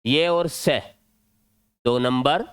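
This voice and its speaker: A man's voice: mid-range voice, very slow, a bit bright, clear, resonant tone, no echo. A male teacher with a Rajasthani Hindi accent, explaining an exam-prep grammar lesson step by step at a board. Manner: step-by-step explaining, drilling points.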